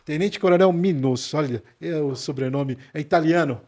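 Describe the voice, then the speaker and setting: A man's voice: fairly high pitch, normal speed, a little mellow. A man hosting a podcast, opening the show in a loose, chatty way with many fillers. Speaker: podcast host.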